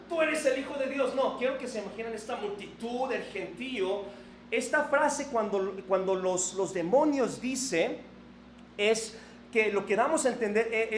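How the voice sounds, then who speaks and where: Pastor guy preaching, kinda high voice, echoey church room w/ faint hum behind. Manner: animated, shifts from raised emphasis to soft reflective tone. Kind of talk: sermon. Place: church sanctuary.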